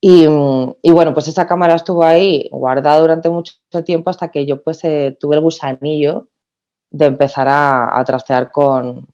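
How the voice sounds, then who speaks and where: A woman in her thirties from Spain, a podcast guest telling her story in a lively way with many restarts. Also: low-pitched, moderate pace, highs cut off. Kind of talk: casual podcast interview.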